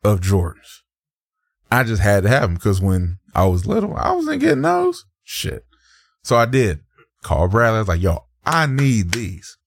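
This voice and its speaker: Lively low-voiced man chatting. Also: moderate pace, vocal fry, dry recording, clean studio sound. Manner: animated storyteller, slips into mock voices. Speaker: podcast co-host. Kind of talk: casual chat.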